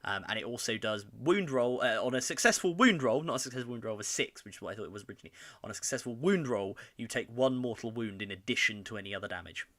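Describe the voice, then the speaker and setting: A man's voice: medium pitch, expressive, quick pace, hardly any pauses, a bit bright, no echo. A man co-hosting a casual hobby chat livestream, rambling and reading out viewer comments. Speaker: co-host.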